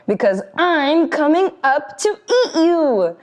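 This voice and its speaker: Storybook bridge troll, male, greedy and bossy, unhurried; woman reader puts him on. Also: high-pitched, very animated, darkish tone, voice pushed up, full character voice. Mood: gruff. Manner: roaring, bossy.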